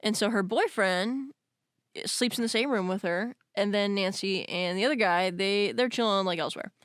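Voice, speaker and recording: A woman's voice: mid-range voice, moderate pace, fairly bright tone, clear, resonant tone, dry recording, studio quality. Chatty young woman recapping a film. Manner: rambling, lots of "like", swearing, laughs easily. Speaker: co-host. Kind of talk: casual film podcast chat.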